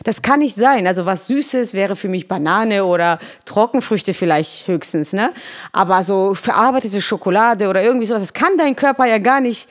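A woman's voice: mid-range voice, normal speed. A woman hosting a podcast conversation, chatty and rambling, with lots of tag questions. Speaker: podcast host.

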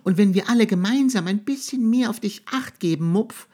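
A tiny, brave mouse girl with a shrill, urgent squeak of a voice, as a male storyteller puts her on. She sounds high and piping, far above a grown man's natural range, with a slightly breathy, soft edge from the reading voice behind it. A storybook character, small but determined. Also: moderate pace. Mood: encouraging.

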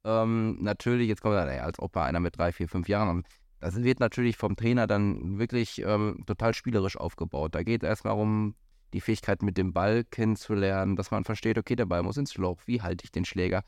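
Low, smooth-voiced man chatting hesitantly. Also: fairly quick, darkish tone, no echo, clean studio sound. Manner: hesitant, many fillers and restarts. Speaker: golf pro and podcast host. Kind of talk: casual podcast chat. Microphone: studio microphone.

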